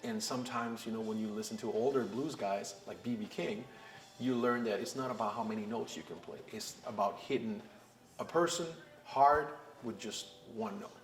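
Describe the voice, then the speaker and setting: Speaking at a moderate pace in a fairly low voice, a young blues frontman from Costa Rica reflects earnestly for a documentary interview. Faint music and a roomy echo sit behind him.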